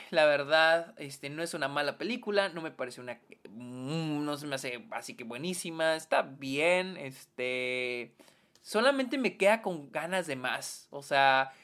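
Casual Mexican woman film reviewer, lowish voice, very animated pitch, slangy, heavy on fillers.

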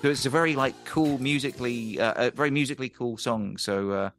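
A man's voice: medium pitch, a little fast, a bit bright, soft background music. Chatty man, easygoing storyteller. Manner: rambling, chatty, laughs often. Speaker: guest musician and ukulele teacher. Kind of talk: casual storytelling.

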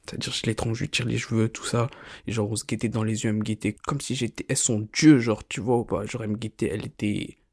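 A man's voice: on the low side, fairly even intonation, quick pace, creaky, a little mellow, breathy edge, no echo, clean studio sound. A young man telling a crude story casually, in slangy rambling talk full of fillers.

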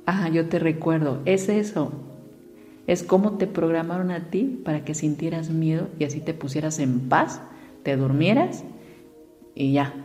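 A woman's voice: low voice, unhurried, a little mellow, big-room sound, soft background music. A woman gives a reflective motivational talk and asks her listeners direct questions. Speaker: speaker on emotions.

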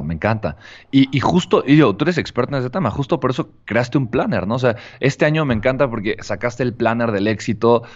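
A man speaking as a guest in a casual interview conversation, talking in a hesitant way with many restarts. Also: lowish voice. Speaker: podcast guest. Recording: dull lo-fi sound.

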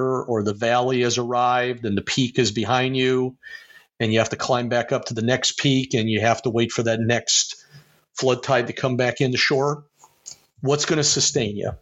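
A man's voice: medium pitch, little pitch movement, normal speed, a bit bright, lo-fi sound. A man from Ohio giving earnest, motivational advice as a podcast guest, with a preacherly way of talking. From Ohio, USA. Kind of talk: casual interview talk.

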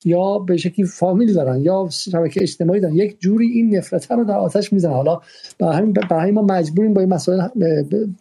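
Dark husky male host. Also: high-pitched. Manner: thoughtful, hesitant, many fillers. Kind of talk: moderating a discussion.

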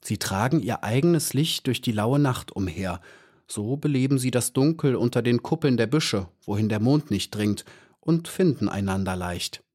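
A man's voice: medium pitch, lively intonation, moderate pace, darkish tone, breathy edge. Man doing a kind flower elf, storybook, earnest, patient, slightly lifted voice. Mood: gentle. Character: gentle, serious male flower elf.

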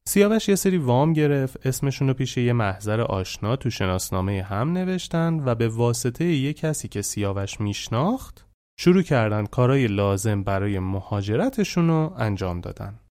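A man's voice: medium pitch, big pitch swings, darkish tone. A man narrating a true story he was told, in a colloquial, reflective storytelling manner.

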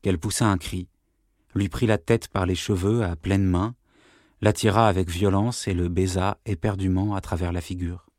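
A man's voice: deep voice, fairly even intonation, normal speed, a little mellow, dry recording, studio quality. Man reading a novel aloud. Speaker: reader. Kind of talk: audiobook narration.

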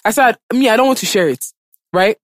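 A woman's voice: on the high side, lively intonation, brisk, no echo. Casting: woman podcast host, impassioned and conversational, emphatic repetition, very dry recording. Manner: emphatic, repeats phrases for stress. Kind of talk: impassioned casual podcast talk.

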